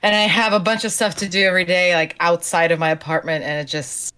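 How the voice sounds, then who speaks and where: Woman, native Slovenian speaker, podcast guest, casual talk, lowish voice. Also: level tone, quick pace, bright, forceful tone. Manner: chatty, self-deprecating, with restarts. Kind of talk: casual chat. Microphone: video call.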